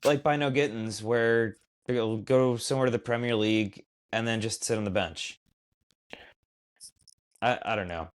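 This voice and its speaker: A man's voice: fairly low pitch, moderate pace. A man co-hosting a casual podcast chat, hesitant and restarting his sentences often. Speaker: podcast co-host.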